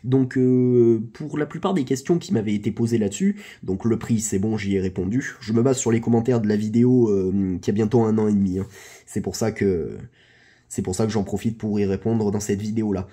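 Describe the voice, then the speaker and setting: A man presents a laptop in a relaxed, chatty review, halting often to search for words before pressing on. His voice is low and husky, with a very dark, mellow tone. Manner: hesitant, many fillers and restarts; chatty, informal, joking. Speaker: tech reviewer. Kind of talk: casual product review.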